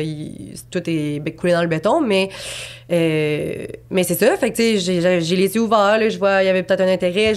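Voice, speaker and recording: A woman in her twenties with a Québécois accent, a painter talking as a guest in a casual podcast interview, chatty and rambling with lots of fillers and restarts. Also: lowish voice. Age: 20s.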